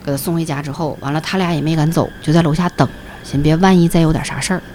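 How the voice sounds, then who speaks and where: On a podcast, a female co-host with a Northeastern Mandarin accent tells a ghost story in a deep, rapid-fire voice. She's earthy and animated, swearing freely and acting out voices and sound effects. There's slight background noise.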